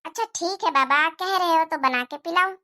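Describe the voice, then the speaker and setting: A polite young cartoon wife, as a woman voices her speaks softly and carefully. Her voice is very high and bright. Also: moderate pace. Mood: worried. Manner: polite, soft-spoken. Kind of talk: Hindi cartoon moral-story voice acting.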